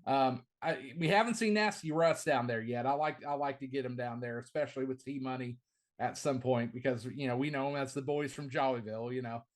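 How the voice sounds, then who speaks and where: A middle-aged wrestling commentator and ring announcer chats loosely in a casual podcast interview, a little fast and full of eager enthusiasm. His medium-pitched voice isn't deep but carries well, and he often repeats words at the start of phrases as he gets going.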